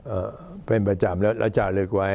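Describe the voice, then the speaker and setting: Older male monk, low-pitched old man's voice, halting and unhurried, informally recounting temple history. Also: level tone, dark tone. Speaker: Buddhist monk addressing temple visitors.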